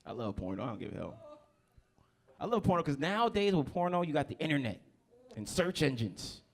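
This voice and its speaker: Crude, lively stand-up comedian man. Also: on the high side, a little fast. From New Jersey. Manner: loose, crude, crowd-teasing. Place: comedy club stage.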